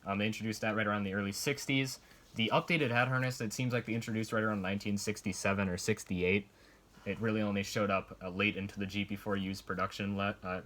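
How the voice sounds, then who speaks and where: A man's voice: lowish voice, a bit bright. A man giving a casual, unscripted show-and-tell review in a rambling, hesitant way, hedging as he explains. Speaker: collector reviewing military surplus gear.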